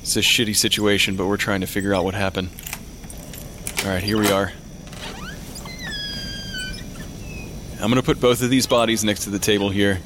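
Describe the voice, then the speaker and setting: A man's voice: fairly low pitch, level tone, fast, noisy background, natural voice. A man playing a weary, matter-of-fact medical examiner who talks to ghosts in an audio drama. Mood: apologetic, reassuring. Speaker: pathologist.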